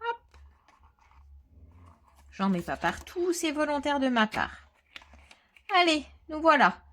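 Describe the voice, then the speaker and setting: A woman with a fairly high voice talks viewers through a craft project step by step. She keeps a relaxed, chatty flow, explaining as she works and now and then muttering softly to herself. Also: slow. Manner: chatty, explains while working, with quiet muttered asides. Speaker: crafter presenting a scrapbooking tutorial. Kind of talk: casual step-by-step craft tutorial.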